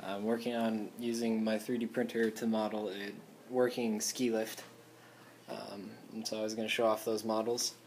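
Low-voiced young man showing off his builds. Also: little pitch movement, normal speed, darkish tone, a little hiss or hum. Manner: offhand, explaining his builds as he goes. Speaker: hobbyist vlogger. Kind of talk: casual show-and-tell. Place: home garage, indoors. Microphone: handheld camera.

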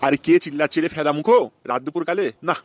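This clip has heavy background noise as a man with a voice on the high side races through his lines. In a comic Bengali cartoon, he lightly acts a hot-tempered, crude father who angrily curses and threatens his son.

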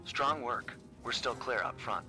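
A man's voice: mid-range voice, unhurried, pushed and bright, soft background music. An actor voicing a suave, wry male master thief in a video game. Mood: coaching. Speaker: game character.

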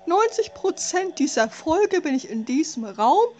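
A woman's voice: sits high, very animated, measured pace, darkish tone, muffled recording, a little hiss or hum. A woman giving casual commentary as a scared, exasperated horror game streamer who curses at the game. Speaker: let's play streamer.

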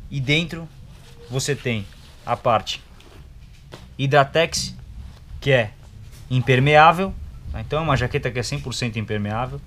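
A young man with a Brazilian accent reviews a product inside a motorcycle gear shop, using casual slang and short, clipped phrases. His mid-range voice is fairly bright, moving at normal speed with frequent pauses. Shop ambience is clearly audible behind him.

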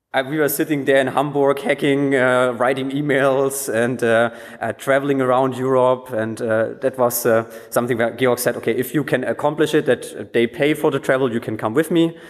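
A man telling a personal story at a conference, hesitant, with many fillers and restarts. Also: medium pitch. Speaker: conference speaker. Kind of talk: anecdotal conference talk. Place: conference hall. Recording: long hall reverb.

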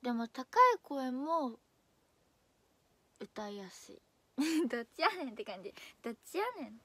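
Young female idol, casual stream chat, high-ish voice that wanders up and down, frequent laughs. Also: animated, moderate pace, bright, forceful tone, slightly rough, dry recording. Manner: chatty, drifts between high and low voice, laughs often.

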